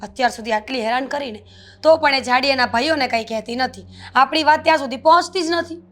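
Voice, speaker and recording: A woman's voice: high-pitched, fast talker, fairly bright tone, a little hiss or hum. A woman acting a resentful elder sister-in-law in a family drama.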